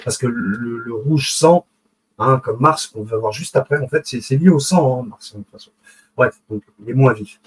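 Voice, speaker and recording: A man lectures in a relaxed live-stream manner, his voice husky and sitting in an ordinary middle register. He wanders into asides, stumbles over restarts and corrects himself. He keeps asking his listeners whether they follow. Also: mid-range voice, normal speed, poor audio. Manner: digressive, self-correcting, many fillers and restarts; checks in with listeners often. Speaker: online lecturer on esoteric symbolism.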